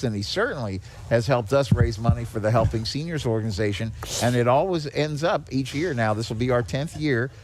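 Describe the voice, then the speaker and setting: A man with a mid-range, slightly mellow voice is an interview guest and the executive director of a charity. He explains things casually, upbeat and appreciative, speaking on location at a garage restaurant with clear background noise around him.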